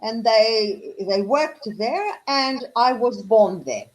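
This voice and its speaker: Over a video call, a woman with an Australian accent tutors English one-on-one, patient and encouraging as she draws out questions. Her voice is a little high and expressive, and she speaks slowly. The recording is rough.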